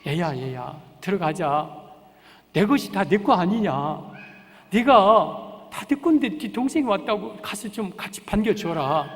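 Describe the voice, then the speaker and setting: A man voicing a patient older father who coaxes his son softly. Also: animated, fairly quick. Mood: coaxing. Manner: soft, low and coaxing. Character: gentle patient old father, coaxing. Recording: long reverb of a church hall.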